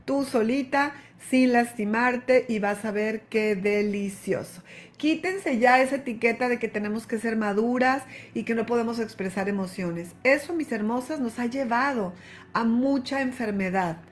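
A woman coach speaks straight to her female listeners in a slightly high voice. She is animated and emphatic, and tender with her pet names. She keeps checking in as she goes. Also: moderate pace, a little hiss or hum. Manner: affectionate, calls listener "hermosa", frequent "¿ok?". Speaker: wellness coach. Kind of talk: motivational talk to women.

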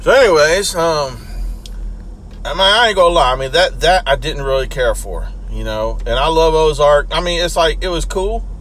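A man's voice: a little high, moderate pace, a bit bright, a little hiss or hum. A man chatting casually as host in a folksy, slangy, colloquial way, sounding slightly congested from allergies. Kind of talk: casual chat.

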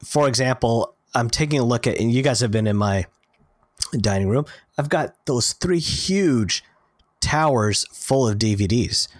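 Podcast co-host, male, mid-range voice, earnest and animated, acts out quotes, dry close sound. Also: mid-range voice, unhurried, no room sound. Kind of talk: casual chat.

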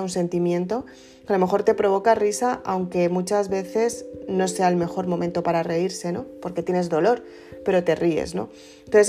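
Mellow-voiced woman, gentle self-help talk. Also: lowish voice. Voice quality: soft, conversational, asks "¿no?" often. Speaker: emotional wellbeing speaker. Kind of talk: casual motivational talk to camera. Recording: soft guitar music underneath.

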